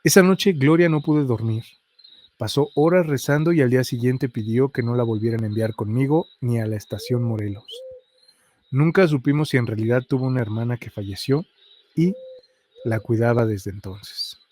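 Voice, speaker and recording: A man reading horror stories aloud as a scripted narration, in an even, measured way. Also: medium pitch, a little hiss or hum. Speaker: storyteller.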